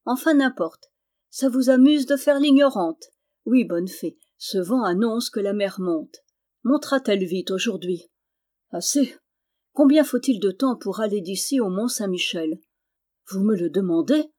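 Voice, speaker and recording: A woman's voice: mid-range voice, animated, a little slow, dark tone. A woman reading the part of a timid young peasant man, pleading and earnest but stubborn. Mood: bold. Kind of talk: audiobook character voice.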